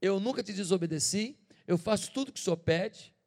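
Brief: man playing a resentful older brother, bitter and accusing, high and heated, church echo. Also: expressive, a little fast, creaky, a little mellow. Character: resentful indignant older son. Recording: reverberant church hall.

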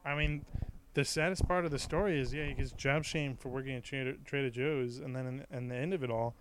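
A man's voice: medium pitch, fairly even intonation, fairly quick, a little hiss or hum. A young man co-hosting a podcast in casual chat, rambling and joking, now and then breaking into mock outrage. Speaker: podcast co-host.

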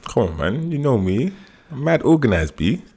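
A man's voice: mid-range voice, very animated, normal speed, a little mellow, husky. A young man with a London roadman accent co-hosting a podcast, bantering casually in emphatic street slang. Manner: slangy urban British street talk with emphatic repeats. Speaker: podcast co-host.

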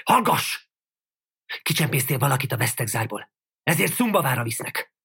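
A man reading as a harsh blackmailer, husky. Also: mid-range voice, big pitch swings, sharp tone, full character voice. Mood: menacing. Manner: harsh, commanding. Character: half-hairy man blackmailing a maid.

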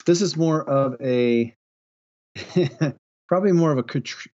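A man's voice: on the high side, measured pace, a little mellow. A man co-hosting a podcast in casual, easygoing, joking chat. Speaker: podcast co-host. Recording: slightly dull, lo-fi audio.

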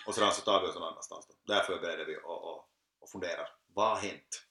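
A man's voice: deep voice, sharp tone. A man co-hosting a podcast in a casual chat, laid-back and laughing a lot. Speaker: podcast co-host. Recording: echoey room.

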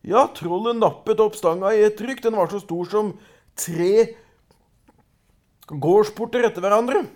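A man reading a folk tale aloud in a lively storytelling way, with small hesitations. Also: high voice.

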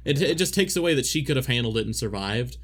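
Man, podcast co-host, casual film chat, rambling, mid-pitched voice. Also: animated, quick pace. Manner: rambling, many restarts and fillers. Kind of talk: casual movie discussion.

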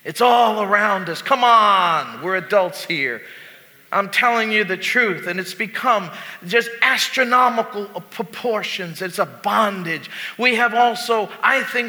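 Impassioned high-voiced preacher, bright, echoing. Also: male voice. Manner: impassioned preaching, swinging between loud exhortation and hushed lows. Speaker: pastor. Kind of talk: sermon. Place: church sanctuary. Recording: long church reverb.

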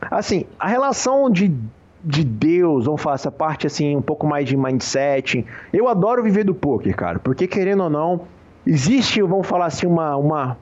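Slangy, relaxed man with muffled audio. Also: on the high side, normal speed. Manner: relaxed, slangy, says "cara" and "entendeu" often. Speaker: professional poker player, guest. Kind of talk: casual interview talk.

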